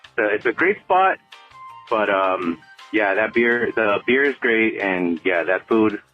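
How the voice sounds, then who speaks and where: A man from Oxnard, California leaves a rambling, casual voicemail for a podcast, full of hesitant fillers, heard over a landline in dull lo-fi audio. His voice is on the low side with lively intonation and an unhurried pace, and soft music plays in the background.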